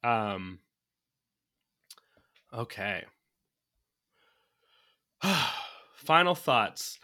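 A man's voice: mid-range voice, sing-song, extremely slow, sharp tone. A man chatting casually about a movie as a podcast co-host, thinking aloud from his notes and laughing often. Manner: laughs often while talking.

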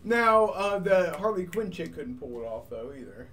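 A woman's voice: fairly low pitch, big pitch swings, moderate pace, fairly bright tone, far from the mic, a little hiss or hum. A woman in casual podcast chat who laughs often and keeps the conversation going with questions.

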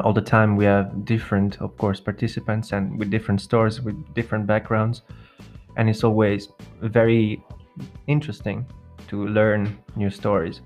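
A man hosting a casual radio talk show in a halting, jokey, informal way. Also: fairly low pitch, a little mellow.

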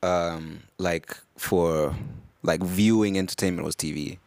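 A man in his thirties from Morocco co-hosting a podcast, talking in a relaxed, halting way with many restarts. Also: low-pitched, creaky, no echo. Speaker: podcast co-host. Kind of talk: casual chat.

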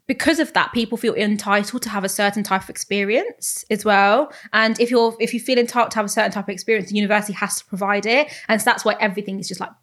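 A woman's voice: medium pitch, fast talker, hardly any pauses, fairly bright tone. British woman who says w for v. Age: 20s. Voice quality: speech quirk, says w for v. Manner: chatty, frequent "like" and "kind of". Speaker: guest. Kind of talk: casual conversational interview.

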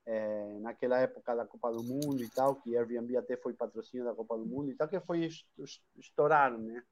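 A man from Argentina, speaking Spanish with an Argentine accent, is a guest in a live online interview about his hostel chain. His voice is medium-pitched with a darkish tone and a slightly fast pace, and he talks a lot, often restarting and adding tag questions.

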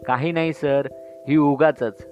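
A man's voice: a little high, fairly even intonation, slow, darkish tone. A man voicing a flustered, fussy middle-aged mother in a storybook reading, scolding and protesting, on a dull lo-fi recording with faint music. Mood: fussing.

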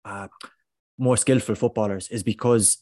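A man's voice: fairly low pitch, fairly even intonation, normal speed, dark tone, dry recording, clean studio sound. An Irish man giving casual sports analysis as a pundit.

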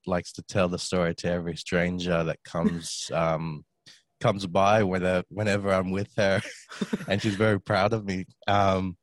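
Deep-voiced young man. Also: measured pace, dry recording. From Australia. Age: 20s. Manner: relaxed, rambling, with many fillers and laughs. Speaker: podcast guest. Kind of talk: casual conversation.

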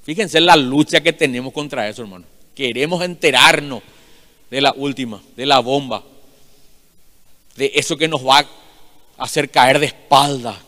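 Male pastor, forceful sermon delivery with sharp swings in volume, reverberant hall. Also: mid-range voice, moderate pace, long pauses. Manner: loud, emphatic preaching with sudden swells and drops.

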